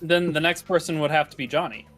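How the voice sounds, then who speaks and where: A man joking around as a tabletop game player on a voice call, stammering when excited. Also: fairly high pitch, quick pace, soft background music. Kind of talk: casual chat on a voice call.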